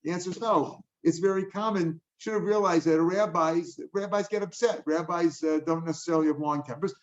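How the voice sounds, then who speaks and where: An older man leads a daily Talmud class in a fairly high voice, talking through each passage casually with frequent asides and restarts. The recording is dull and lo-fi, with the top end muffled. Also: brisk. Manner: conversational, explaining with asides and restarts. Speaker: Talmud teacher.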